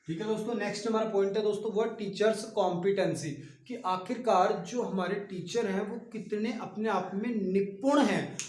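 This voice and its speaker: In an online exam-prep lesson, a man with a high, slightly mellow voice explains things patiently, often pausing to talk straight to his listeners. The sound is reverberant, like a classroom lecture delivered online.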